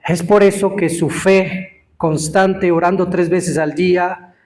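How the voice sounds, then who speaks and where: A man giving an interactive Torah teaching to a live congregation, quizzing listeners and stressing words slowly. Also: high-pitched, fairly even intonation, a little mellow.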